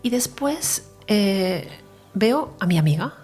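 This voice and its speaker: A woman's voice: mid-range voice, expressive, slow, a little mellow, breathy edge, soft background music. A woman recounting her near-death experience in an interview, earnest and emotional, sometimes dropping to a whisper. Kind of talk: personal testimony in an interview.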